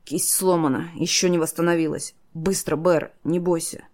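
A woman voicing a wounded young male apprentice who gives terse, hoarse commands through his pain. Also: lowish voice, fairly even intonation, moderate pace, darkish tone, close to an everyday voice. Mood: urgent. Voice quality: hoarse, wheezing.

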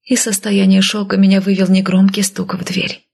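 A woman narrates a romance tale in a hushed, breathy voice as whispered role-play. Her whisper is extremely airy, and the grain of vocal fry runs under it. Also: mid-range voice, little pitch movement, normal speed. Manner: soft breathy whisper throughout.

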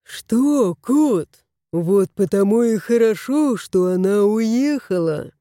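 Lazy spoiled house cat, smug, drawling, slow, lively pitch, woman putting it on. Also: no echo, clean studio sound.

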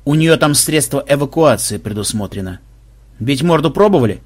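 A man voicing a bossy male team leader who barks orders in a brisk, blustering way. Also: mid-range voice, animated, darkish tone, husky.

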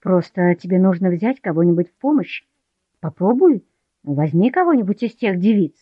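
A woman's voice: on the low side, big pitch swings, moderate pace, no echo, dull audio. A woman reading the part of a tired, irritated young husband who speaks coldly and curtly. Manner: cold, curt.

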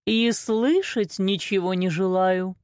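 A woman voicing a cruel old ogress queen who craves human flesh, giving slow, commanding, greedy orders in a storybook. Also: medium pitch, a little mellow, no echo, studio quality, lightly acted. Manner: greedy, commanding, drawn-out demands.

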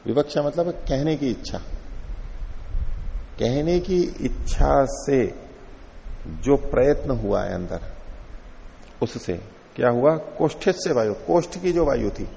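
A man teaching a classical philosophy text in a lecture hall, reciting verses slowly and then explaining them with rhetorical questions. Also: mid-range voice, expressive, vocal fry, mellow, slight background noise. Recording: dull lo-fi recording with long hall reverb.

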